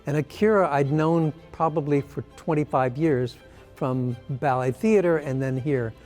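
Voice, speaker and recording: A man's voice: a little high, unhurried, faint music behind. An older man, a former artistic director of a ballet company, telling a funny backstage story with plenty of "um" fillers over a video call. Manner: animated storyteller, lots of "um" fillers. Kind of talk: casual anecdote in a conversation.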